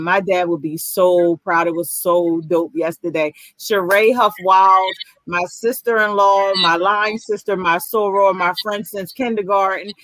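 A woman's voice: mid-range voice, fairly bright tone, no room sound, rough recording. A woman hosting an online talk session, chatting in an enthusiastic, slangy way. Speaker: host. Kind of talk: casual online talk show chat.

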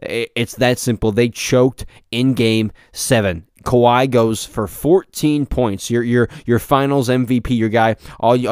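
A man's voice: mid-range voice, clean tone, dry recording, clean studio sound. A young man hosting a solo sports podcast, giving opinionated takes and often stumbling and repeating himself. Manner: opinionated, repetitive, stumbles over words. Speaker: podcast host.

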